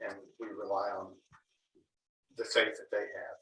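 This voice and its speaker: A man in a church group discussion, speaking in a flat, earnest way. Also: on the low side, unhurried, a little hiss or hum. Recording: roomy room, distant mic.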